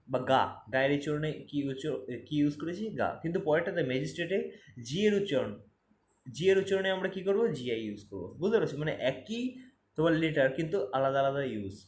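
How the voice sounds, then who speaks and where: A man teaching spelling for exams, spelling words letter by letter and repeating them for emphasis. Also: on the high side. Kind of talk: exam-prep spelling lesson. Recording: roomy echo, faint ambience.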